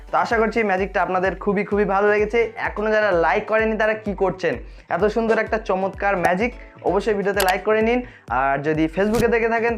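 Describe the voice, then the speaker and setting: A magician host explains a tutorial straight to viewers, often checking that they are following. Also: mid-range voice.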